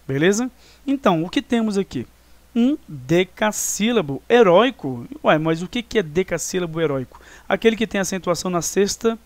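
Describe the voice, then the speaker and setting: Counting syllables aloud, a man with a slightly high voice and a Brazilian Portuguese accent gives a recorded review lesson step by step. The recording is dry.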